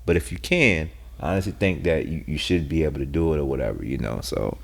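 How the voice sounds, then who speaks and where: A man's voice: rumbling low, lively intonation, quick pace, vocal fry. A man co-hosting a podcast in casual discussion, earnestly posing questions and challenging listeners. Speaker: podcast co-host.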